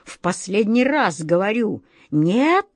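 A woman's voice: medium pitch, big pitch swings, slow pace, dry recording, clean studio sound. Woman voicing a frantic cat wizard. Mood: threatening. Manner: fussy, pleading, then threatening. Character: excitable striped tomcat wizard, male.

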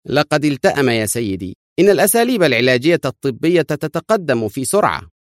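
A polite, measured undercover spy, as a man puts him on, his voice lifted well above the narrator's own and lively in its rise and fall. Each reply comes out smooth and deflecting. The recording is dry and close. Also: mid-range voice, no echo, voice pushed up, natural voice. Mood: polite calm. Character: Egyptian spy posing as Israeli secretary, calm man.

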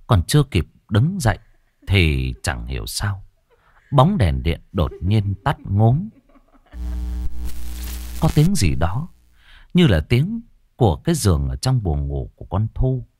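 A man narrating a ghost story in a slow, dramatic, suspenseful way. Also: sits low, a little mellow, no room sound, studio quality. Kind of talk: scripted horror narration.

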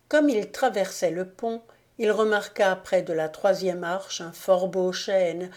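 A woman narrates a classic tale as an audiobook. Her reading is unhurried and measured, with expressive, careful phrasing. Her pitch sits in the middle range. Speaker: audiobook reader.

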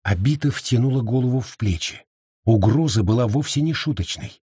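A male audiobook narrator with a husky, slightly breathy tone, reading in a measured way. His pitch moves in a lively range, and the recording is dry and close. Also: no room sound. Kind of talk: scripted narration.

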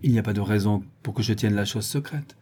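A man's voice: fairly low pitch, fast, warm tone, breathy edge. A man reading a stern, relentless country lawyer. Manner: cold, hammering cross-examination.

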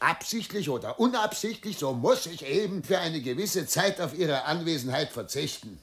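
In a German radio play, an actor with a fairly high-pitched voice portrays a troubled, middle-aged governor and father. The character comes across as dutiful and self-justifying, and the lines are delivered formally and haltingly.

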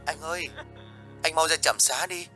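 A man's voice: medium pitch, expressive, moderate pace, soft background music, close to an everyday voice. A male storyteller voicing a young mother who pleads and weeps in a horror audio story, speaking in a raised, strained voice. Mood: sobbing. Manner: tearful, pleading. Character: young mother, frantic and grieving woman.

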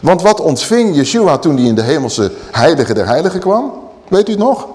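Emphatic preacher in a reverberant hall. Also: male voice, on the high side, moderate pace. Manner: emphatic, lively preaching with raised quoted passages. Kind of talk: sermon.

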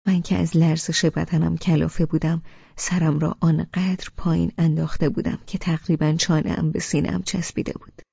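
Woman, audiobook narration, soft whispery delivery, husky voice, dry close recording. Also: low-pitched, level tone, no echo, highs cut off. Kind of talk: first-person audiobook narration.

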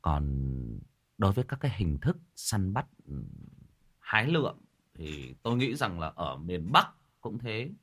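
Chatty man with a lively pitch. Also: a little slow. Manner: lively, chatty, lectures a commenter in a teasing big-brother tone. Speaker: ghost story livestream host. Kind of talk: casual livestream chat with viewers.

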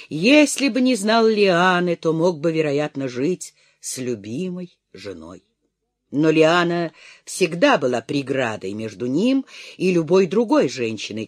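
A narrator reading a romance novel aloud in an expressive, dramatic manner. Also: mid-range voice, no echo, clean studio sound. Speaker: audiobook narrator.

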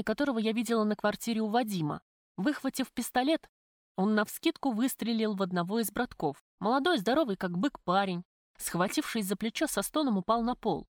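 A woman reading a first-person audiobook in an even, measured way. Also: medium pitch, dry recording, clean studio sound. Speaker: audiobook narrator.

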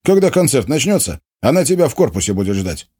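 A man's voice: mid-range voice, sing-song, fast talker, warm tone, slightly rough, voice pushed up. A man voicing an earnest young man who argues urgently and persuasively.

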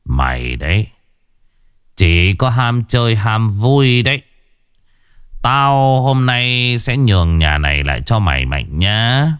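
A man puts on a scheming old village chief with a gruff, low, commanding voice. His speech swings widely in pitch as he bosses his servant. The sound is dry and close, with no room echo. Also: expressive, slow pace, a bit bright. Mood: scolding. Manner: commanding, gruff, falsely jovial.

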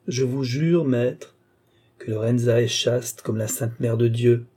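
A man voicing a calm, guarded male disciple in an audiobook, measured and respectful toward his master. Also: medium pitch, breathy edge. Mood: earnest. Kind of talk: audiobook character reading.

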